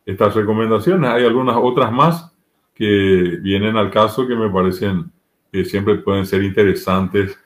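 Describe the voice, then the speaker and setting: A man's voice: fairly low pitch, unhurried. A man with a Paraguayan Spanish accent, a language teacher explaining grammar step by step with spoken examples in an interview.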